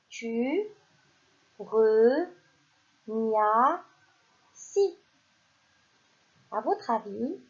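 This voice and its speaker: A woman teaching a recorded reading lesson to young children, speaking slowly and carefully and praising the class. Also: a little high, dull audio. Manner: slow, carefully articulated, praising. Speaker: primary school teacher.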